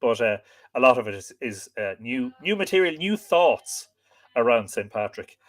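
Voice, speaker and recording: An Irishman hosts a livestream, chatting informally and reading out greetings from viewers. His medium-pitched voice has a sing-song, storyteller's lilt, and he keeps a moderate pace.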